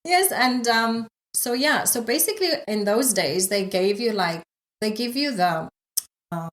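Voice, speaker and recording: A woman's voice: on the high side, expressive, a little slow, a bit bright, a little hiss or hum. A middle-aged woman from South Africa with a South African accent, telling her story casually as an interview guest, with frequent fillers and light laughs. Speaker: guest, yoga instructor.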